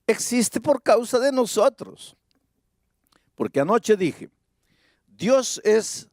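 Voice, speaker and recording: A man preaching a sermon, reading Bible verses slowly and deliberately and building to emphatic high points. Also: no echo, studio quality.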